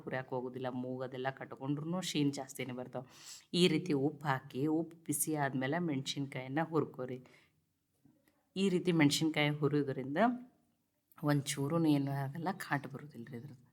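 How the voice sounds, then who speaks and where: A woman's voice: a bass voice, fairly even intonation, moderate pace. A woman hosts a cooking channel from a home kitchen, showing kitchen tips and urging viewers to look and try them. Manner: instructive, keeps telling viewers to look and try.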